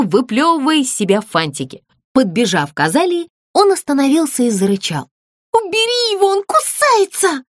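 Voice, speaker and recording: A woman's voice: on the high side, dry recording. Woman storyteller for children's audiobook, very dry close sound. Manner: expressive, storytelling lilt.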